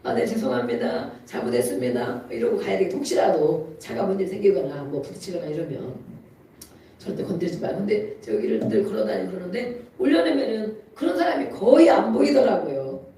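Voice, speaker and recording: A preacher with a mid-range, sing-song, dark-toned voice talks a little fast through a conversational sermon. It's chatty and full of stories and laughs, then builds to emphatic exhortation. The mic sits far off in an echoey church sanctuary.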